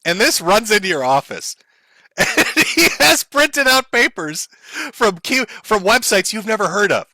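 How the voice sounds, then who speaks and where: A man hosts a stream with profane, sarcastic commentary, laughing as he mocks his subject. His voice sits high and sounds bright and edgy. The sound is dry and close, with no room. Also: big pitch swings, measured pace, no echo.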